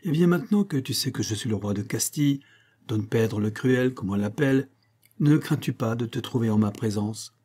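A man voices a proud medieval king, imperious and stern, issuing his decrees in an audiobook. The tone is warm and low-lit, with a husky grain under the authority. The delivery is a little higher and firmer than a plain reading. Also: moderate pace, lightly acted. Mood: probing.

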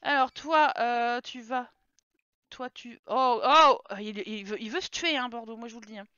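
A woman's voice: fairly high pitch, moderate pace, bright, forceful tone, clean tone, dry recording, lo-fi sound. A woman streaming a life-sim game from home, chatting casually and talking to her game characters. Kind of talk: casual live gameplay commentary.

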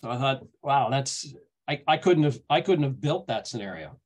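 A man's voice: medium pitch, animated, moderate pace, husky. A middle-aged man from Canada giving a talk, telling stories in a rambling way with many restarts. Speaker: guest speaker. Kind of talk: casual storytelling talk.

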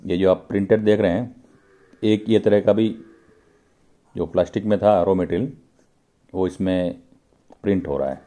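Here the voice is deep and warm, moving at a moderate pace with long pauses. The man is a channel host walking his audience through an indoor pipe-making workshop on camera, addressing them directly in an explanatory vlog.

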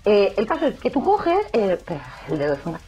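A woman's voice: medium pitch, brisk, muffled recording, faint music behind. Chatty young woman vlogging. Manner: chatty, jokey, animated, acts out quoted voices. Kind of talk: casual chat to camera.

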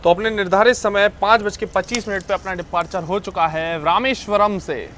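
A young man chatting excitedly to a phone camera at arm's length while riding a moving train, with music playing underneath. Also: high-pitched, brisk, background noise. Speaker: train travel vlogger. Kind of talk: casual travel vlog.

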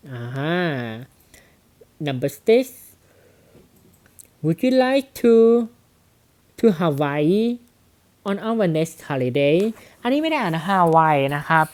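A male English teacher talks through a grammar exercise in a smooth, clear voice. He drags out each example sentence very slowly, word by word, then asks his students questions about it. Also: a little high, sing-song. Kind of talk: grammar lesson explanation.

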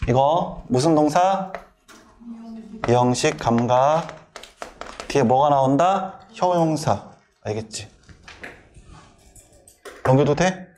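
Middle-aged guy teaching english grammar in class, keeps asking quick questions then answering himself, faint noise behind. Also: on the high side, animated, a little mellow. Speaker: academy English instructor.

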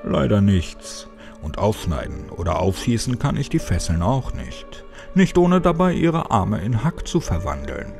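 A man's voice: fairly low pitch, big pitch swings, a little slow, gravelly, darkish tone, soft background music, exaggerated voice. A man voicing a sarcastic middle-aged male police officer who talks in a dry, mocking way. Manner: teasing, dry and sneering.

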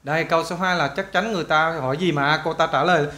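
Male tutor, Vietnamese native speaker, high voice, chatty, repeats phrases slowly. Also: sharp tone. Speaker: English teacher. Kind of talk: casual tutoring walkthrough.

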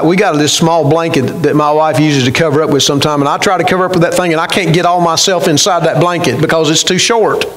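A man's voice: a little high, fairly bright tone, rough recording. A middle-aged man preaching a sermon from a church pulpit, earnestly putting questions to his congregation. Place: church sanctuary, indoors, at a pulpit.

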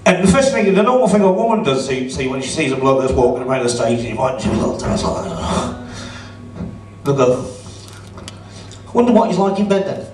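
A man's voice: mid-range voice, animated, fairly quick. A middle-aged man doing a stand-up comedy set in a club, chatty and sarcastic as he teases the crowd. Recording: roomy audio from a distance.

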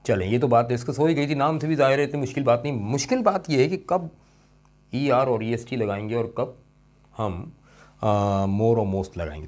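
A male English teacher giving a classroom grammar lesson. He stretches out example words and repeats them, and he keeps checking that his students follow. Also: medium pitch. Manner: addresses students warmly as "son" and checks understanding with "okay?".

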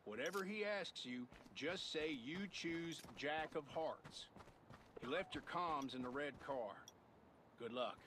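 A man's voice: a little high, expressive, takes it slowly, noisy background. An actor playing a serious, earnest male survivor giving directive mission briefings in a video game. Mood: serious, urgent.

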